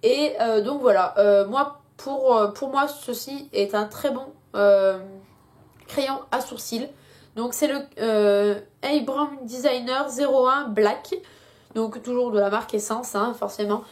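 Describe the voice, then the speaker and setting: A woman's voice: on the high side, slow, a little mellow. A young woman chatting casually in a beauty product review, full of hesitations, while she has a headache. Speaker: beauty vlogger.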